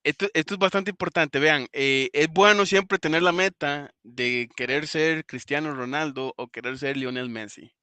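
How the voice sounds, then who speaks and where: A man's voice: on the high side, moderate pace, few pauses, bright, forceful tone, smooth, no echo. A man hosting a live English class, stressing his points by repeating them. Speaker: English teacher and host.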